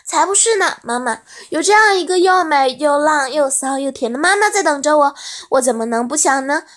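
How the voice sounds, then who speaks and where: Lady reading a flattering young guy's lines, plain unhurried delivery, high voice. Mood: eager. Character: eager flattering young man, the son.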